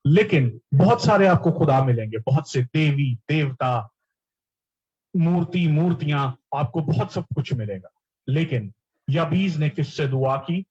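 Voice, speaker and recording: Husky guy preaching a sermon, kinda high voice, dull lo-fi sound. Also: a little mellow. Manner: mixes English words into teaching, repeats key words.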